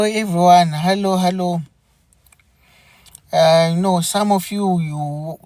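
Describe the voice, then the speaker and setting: Man, live stream host, slightly high voice, very slow, halting and earnest, dry close sound. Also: darkish tone, no room sound. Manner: halting, earnest, repeats himself. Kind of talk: unscripted live commentary.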